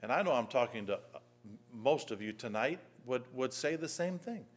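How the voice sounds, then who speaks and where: A man preaching a sermon in a church, reading scripture emphatically and then dropping to a soft, low voice. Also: expressive, brisk. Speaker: pastor.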